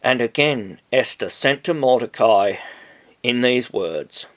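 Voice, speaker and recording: Slow, solemn man reading scripture. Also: medium pitch, animated.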